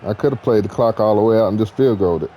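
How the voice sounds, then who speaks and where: A man's voice: fairly low pitch, racing, dull audio, a little hiss or hum. A man reacting casually while gaming, exasperated and sweary. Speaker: video game player. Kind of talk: casual muttered gameplay reactions.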